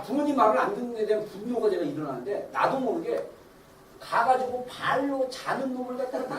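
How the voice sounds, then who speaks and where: A high, animated voice preaches a Sunday sermon, often laughing and acting out voices. The sound fills a roomy sanctuary, picked up from a distance. A faint hum of ambience sits behind it. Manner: animated, acts out quoted voices. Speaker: pastor. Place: church sanctuary.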